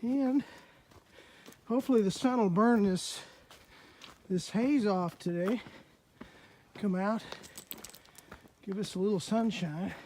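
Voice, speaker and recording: A man's voice: high-pitched, takes it slowly, pauses often, dark tone, slight background noise. A man vlogging outdoors on a wooded mountain trail, with folksy, chatty narration into a handheld camera. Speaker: hiking vlogger.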